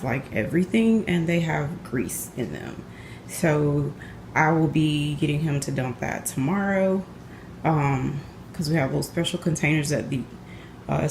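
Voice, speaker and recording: A woman's voice: low voice, slight background noise. A woman, chatting casually and correcting herself as she cleans her home kitchen on a phone camera. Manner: chatty, relaxed, self-correcting. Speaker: vlogger. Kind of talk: casual chat while cleaning.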